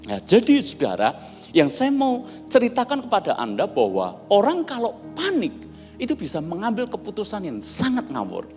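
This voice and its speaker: Animated pastor man. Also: high voice, normal speed. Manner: chatty, animated, acts out dialogue. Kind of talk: sermon with storytelling. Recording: long reverb, soft music behind.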